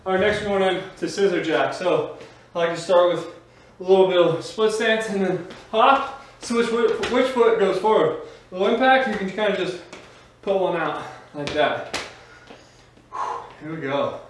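A man with a high-pitched voice and measured pace works as a fitness instructor, leading aerobics with called-out cues and motivational encouragement as he moves. The setting is a small home gym indoors, its walls bare. Audio comes through an echoey room and a distant mic, with slight noise.

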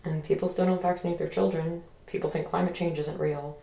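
A woman's voice: low-pitched, level tone, brisk, creaky. A woman playing a hesitant, haunted young woman. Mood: earnest. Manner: hesitant, soft-spoken, reflective. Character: young woman haunted by a friend's death, thoughtful. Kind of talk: audio drama acting. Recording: roomy echo.

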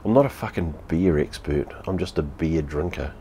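A bass voice with a dark tone talks at normal speed over slight background noise. A New Zealand man in his fifties bluntly reviews beer for a casual vlog at home, a TV behind him, swearing and repeating himself.

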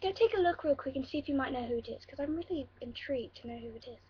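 A woman's voice: high voice, racing, highs cut off, lightly acted. A woman voicing a bratty teenage boy demon noble in a put-on British accent, whiny and playful. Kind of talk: cosplay role-play vlog.

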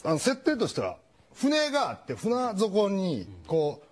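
A man's voice: high voice, measured pace. A man with a Kansai accent, a comedian telling a funny story on a talk show and acting out the characters. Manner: animated storyteller, acts out characters. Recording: studio audience in background.

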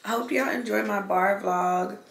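A woman's voice: mid-range voice, moderate pace, gravelly. A young woman vlogger chatting casually to camera while she eats, loose and slangy with plenty of swearing. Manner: loose, slangy and swearing, chewing between lines. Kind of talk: casual mukbang chat to camera. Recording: echoey room, faint background noise.

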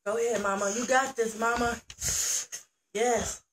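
A woman's voice: fairly high pitch, steady tone, unhurried, a little hiss or hum. A woman, the host's daughter, chatting casually on a vlog, cheering her mother on and complaining about the spicy heat with a running nose.

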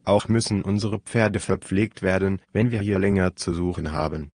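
A man reading a calm, decisive adventurer leader. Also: deep voice, no room sound, studio quality. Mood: firm. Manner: firm, measured, commanding. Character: calm, decisive male adventurer leading the search. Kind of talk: audiobook reading.

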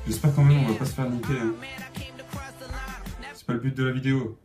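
A man giving excitable gameplay commentary, swearing and yelling at opponents as he plays. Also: mid-range voice, fairly quick, recorded from a distance. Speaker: gamer. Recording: echoey room, voice off-mic, music underneath.

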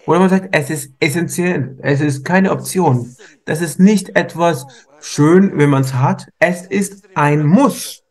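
Male sermon interpreter with a high voice, fervent, repetitive delivery with frequent self-corrections. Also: slow. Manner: fervent, repetitive, often restarts words.

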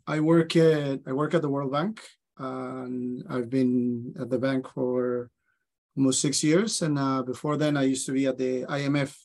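A man's voice: medium pitch, gravelly, a little mellow. A man from Colombia, introducing himself on a video call. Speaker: economist.

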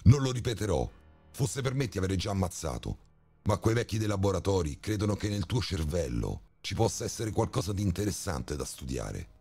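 A man's voice: sits low, big pitch swings, brisk, mellow, breathy edge, soft background music, voice pushed up, full character voice. A man voicing a scarred male agent who speaks in a cold, threatening, commanding way in a horror story. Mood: menacing.

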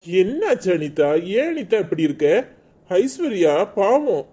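A man's voice: high-pitched, very animated, unhurried, mellow, husky, heavily acted. A man with a Kanyakumari Tamil accent voicing a pleading, exasperated husband in a cartoon. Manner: pleading, reproachful. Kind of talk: cartoon voice acting.

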